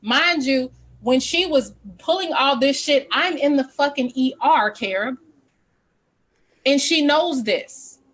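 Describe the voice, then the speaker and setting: A woman's voice: high-pitched, takes it slowly, a bit bright. A woman talking on a casual group call, defending herself with emphatic, profane storytelling.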